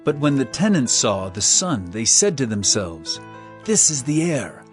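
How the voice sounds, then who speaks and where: An actor playing Jesus as a stern, authoritative teacher telling parables in an emphatic, declamatory way for a dramatized scripture recording. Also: male voice, medium pitch, sing-song, a little slow, faint music behind. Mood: solemn storytelling.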